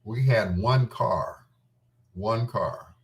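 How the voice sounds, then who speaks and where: Heard from afar, a lowish-voiced middle-aged man speaks very slowly while hosting his own show. His reminiscing is rambling, candid and playful, told informally and sprinkled with quotes of his own past remarks.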